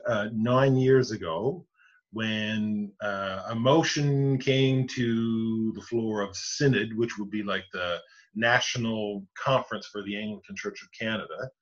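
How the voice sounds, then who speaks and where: A male Anglican priest and rector with a fairly low voice and a Newfoundland English accent speaks over a muffled video call. Using a webcam in his home study with bookshelves, he gives measured, explanatory interview answers step by step, with many restarts.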